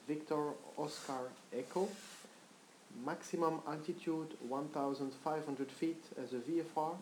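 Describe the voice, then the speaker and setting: An air traffic controller giving clearances in standard radio phraseology, with orderly, procedural phrasing. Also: mid-range voice, darkish tone. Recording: echoey with background noise.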